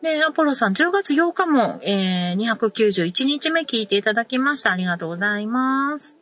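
A woman in her forties with a Nara Kansai accent, hosting a casual chat show and reading listener messages, relaxed and full of pauses and fillers. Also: on the high side. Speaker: podcast host.

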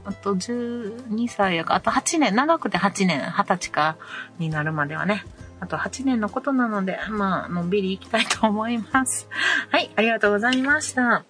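A woman in her forties with a soft Nara Kansai accent hosts a casual chat show. She talks at an easy pace, with plenty of fillers and pauses as she reads out messages from listeners. Faint music sits behind her voice. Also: medium pitch. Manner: relaxed, many fillers and pauses. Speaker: podcast host.

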